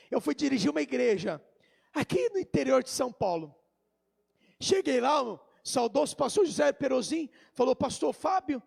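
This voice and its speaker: A man with a Brazilian accent, a pastor preaching a sermon in a church, moving between quiet storytelling and shouted crescendos. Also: extremely high pitch, vocal fry, slightly rough. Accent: Brazilian Portuguese. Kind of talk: Pentecostal sermon.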